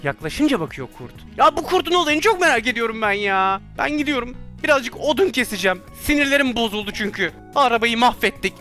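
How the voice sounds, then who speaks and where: A young man giving excited let's-play commentary on a video game, animated and quick to shout and laugh at mishaps. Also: very high voice, faint music behind. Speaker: gaming YouTuber.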